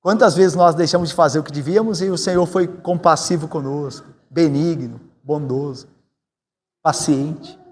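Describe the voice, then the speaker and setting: A man from Brazil, a pastor preaching a sermon in a conversational way, often tagging his points with quick questions to the congregation. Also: slightly rough. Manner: conversational, tag questions, animated swings in pitch. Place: church sanctuary. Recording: church hall with long reverb.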